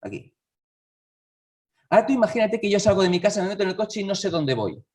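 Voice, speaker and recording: Lively male preacher in a church. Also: sits high, quick pace, recorded from a distance. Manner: lively, conversational preaching with rhetorical questions. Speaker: lay preacher. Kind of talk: sermon. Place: church hall.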